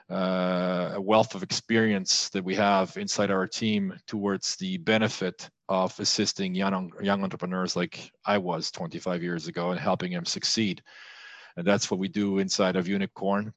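Man, middle-aged, from France, low voice, dry sound, podcast guest, fillers. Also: no echo. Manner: fluent, many fillers and restarts. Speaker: guest entrepreneur. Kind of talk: conversational interview.

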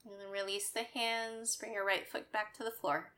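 A woman leading a guided yoga class as the instructor, cueing in a calm, meditative, unhurried manner. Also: medium pitch.

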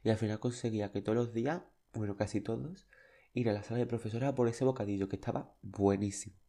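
A young man with a lowish, dark voice rattles off childhood anecdotes quickly. He's a podcast host delivering a casual storytelling monologue in a chatty, flamboyant, dramatic way.

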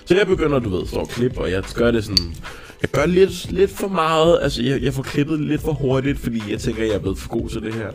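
Animated young man telling a story. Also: medium pitch, few pauses. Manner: animated, acts out panicked shouting with laughter. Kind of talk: casual storytelling chat.

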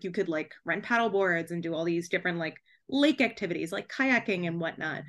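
Her voice is on the low side as she chats casually in an interview. She's an author who tells stories animatedly, giggling often and saying "like" frequently.

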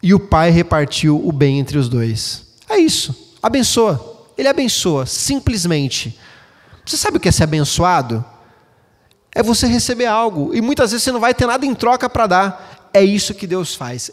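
A man preaching a sermon as pastor, expressive and speaking directly to the congregation. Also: sits high, moderate pace. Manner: expressive, acts out quoted voices, addresses the congregation directly. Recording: long hall reverb.

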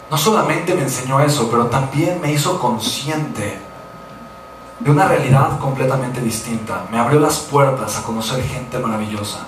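A man's voice: mid-range voice, distant mic, slight background noise. Mexican man speaking in an echoey hall. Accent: Mexican Spanish. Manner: animated, acts out quoted voices, frequent tag questions. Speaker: motivational speaker. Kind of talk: motivational storytelling talk.

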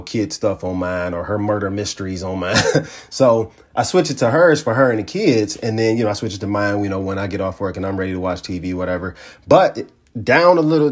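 A man co-hosting a tech podcast, chatting casually and telling stories with slang. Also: on the low side. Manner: laid-back, animated storytelling with slang. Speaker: podcast co-host. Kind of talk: casual chat.

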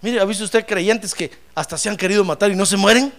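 A man preaching a sermon, telling comic stories and breaking into loud shouts of praise. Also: sits high, fast. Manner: comic storytelling, bursts into shouting.

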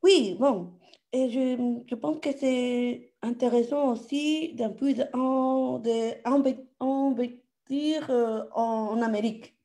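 A woman in her thirties from Ecuador, speaking French with a Spanish accent, who joins an online session as a caller and talks haltingly. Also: fairly high pitch, warm tone. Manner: hesitant, halting, with many fillers.

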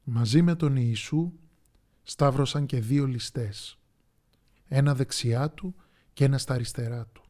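A man narrating a Bible story in a slow, dramatic way, with pauses and the odd whisper. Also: medium pitch, darkish tone.

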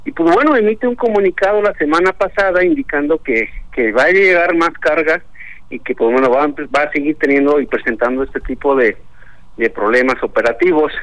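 A man's voice: on the high side, expressive, a little fast, a bit bright, dry recording. Man calling in by phone. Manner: earnest, aggrieved, with many hesitant fillers. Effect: heard over a telephone line as a radio caller. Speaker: phone-in caller, transport union leader. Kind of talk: formal complaint on a radio show. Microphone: telephone.

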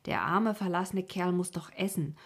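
A no-nonsense country doctor in a storybook, read by a woman gives his verdict plainly and practically. The voice is low and husky. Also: normal speed. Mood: matter-of-fact. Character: satisfied, matter-of-fact country doctor.

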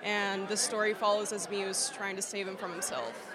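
A woman's voice: medium pitch, steady tone, moderate pace, rough recording. A woman giving a casual interview as a film director. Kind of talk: casual red carpet interview. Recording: busy crowd around the voice. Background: crowd chatter.

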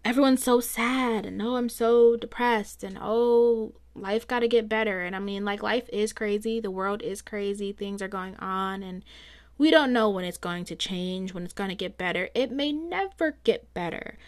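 A woman hosts a casual solo podcast, rambling through her thoughts in a chatty, reflective way with plenty of fillers. Her medium-pitched voice moves at a moderate pace and sounds a bit strained from all the talking.

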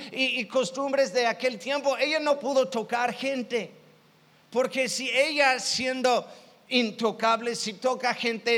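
A man's voice: very high voice, a bit bright. A man preaching a sermon in a church hall as pastor, emphatic and repetitive as he retells stories. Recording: long hall reverb.

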